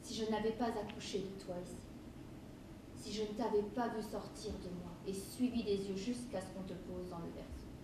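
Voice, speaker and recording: A woman playing a frightened grieving mother on stage, pleading and shrill when scared. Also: steady tone, moderate pace, lightly acted. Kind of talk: stage play performance. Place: theatre stage. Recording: echoey hall, distant mic, noisy.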